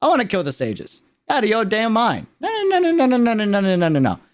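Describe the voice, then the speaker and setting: His voice sits high and moves briskly through huge pitch swings. Reacting to a game character trailer on a livestream, the streamer is casual and slangy, hammering points home by repeating phrases emphatically.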